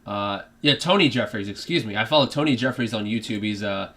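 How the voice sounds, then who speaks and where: Guy w a put-on british accent calling a football match live, kinda low voice, rambling and going off topic. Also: a little fast, noisy background. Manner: rambling, many fillers and restarts, drifts off topic. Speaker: fan streaming a live match reaction. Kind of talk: live football reaction commentary.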